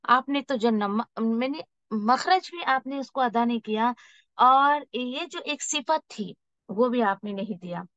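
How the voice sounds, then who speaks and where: An unhurried woman teaches Quran recitation, explaining patiently and stretching out example words. Her voice sits fairly high. The recording is dull and dry, with no room sound. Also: expressive, a bit bright, no room sound. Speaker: tajweed teacher.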